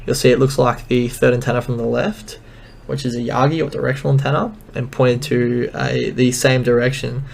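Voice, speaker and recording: A man's voice: medium pitch, little pitch movement, fairly quick, gravelly, few pauses, slight background noise. A man giving a casual technical lesson over slides, explaining loosely with many filler ums. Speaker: instructor.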